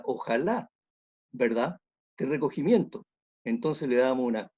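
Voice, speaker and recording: A man's voice: on the high side, warm tone, lo-fi sound. A man, an orchestra conductor giving an online music talk, explaining thoughtfully and repeating phrases as he thinks.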